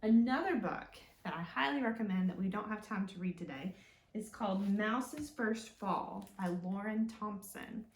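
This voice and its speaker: This is a woman's storytime for young children: she reads, explains in a sing-song way and asks easy, encouraging questions. Her voice is mid-range at a normal speed. The recording sounds echoey, with the microphone placed at a distance.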